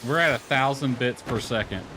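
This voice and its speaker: Music and a noisy background surround a man doing casual, rambling commentary on a game livestream, grumbling mildly. He has a mid-range voice and a moderate pace.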